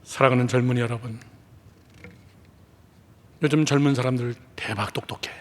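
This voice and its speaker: A man preaching a sermon as pastor, dramatic, swinging between loud exclamations and hushed whispers and leading the congregation in call and response. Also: medium pitch, fairly even intonation, normal speed, long reverb tail. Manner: acts out quoted speech of biblical characters. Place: church sanctuary.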